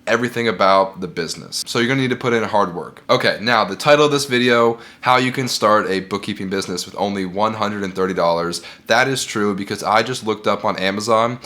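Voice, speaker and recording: A sick, congested man with a lowish voice talks a little fast, with few pauses and a pushed, bright tone. He owns a bookkeeping business and hosts videos, offering earnest, encouraging business advice straight to camera and repeating his key points.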